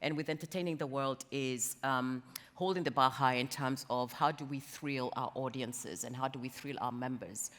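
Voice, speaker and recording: A Kenyan woman who works as a company talent executive speaks conversationally as a panel interviewee on a conference stage in a large hall. Her voice is rumbling and low, her pace moderate, and the hall sounds reverberant.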